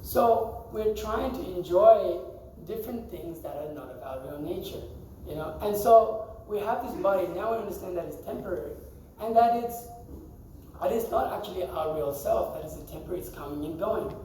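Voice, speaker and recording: A man with a high, expressive, warm voice speaks at normal speed, slight background noise behind him. He's teaching a scripture class in a temple hall, keeping things conversational, quizzing the group and laughing often. The hall echoes and the mic is far away.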